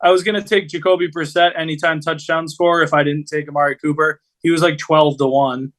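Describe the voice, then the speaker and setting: Male co-host, fairly high-pitched, informal and slangy, rambling through casual sports stories. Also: steady tone, fairly quick, fairly bright tone. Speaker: podcast co-host. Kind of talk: casual sports betting chat.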